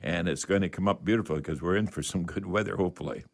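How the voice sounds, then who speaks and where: A gravelly, deep-voiced older man runs a call-in radio program about home improvement, talking fast. His chat is folksy and rambling, sprinkled with old-fashioned expressions.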